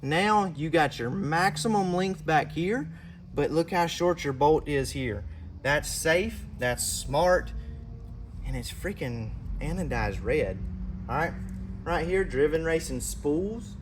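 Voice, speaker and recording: A man casually showing off a custom motorcycle, talking fast and animated to his viewers, hyping each part and calling himself by a nickname in the third person. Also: on the high side, slight background noise. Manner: fast, animated, hypes parts and talks to viewers. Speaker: motorcycle builder and channel host. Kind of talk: casual walkaround show-and-tell.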